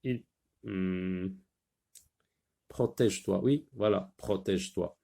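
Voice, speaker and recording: A man's voice: sits low, slow, vocal fry, warm tone. A man with a Maghrebi French accent, teaching a reading lesson and patiently sounding out syllables.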